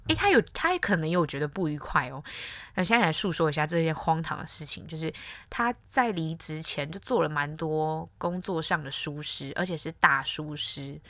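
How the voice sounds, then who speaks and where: A woman's voice: low voice, animated, normal speed, sharp tone, dry recording. A young woman, hosting a casual solo podcast and telling stories in a blunt, candid way. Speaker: podcast host.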